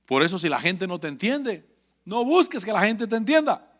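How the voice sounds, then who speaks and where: High-voiced fervent male preacher. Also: sing-song, moderate pace, fairly bright tone. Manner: fervent, repetitive preaching with call-and-response. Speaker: pastor. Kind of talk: sermon.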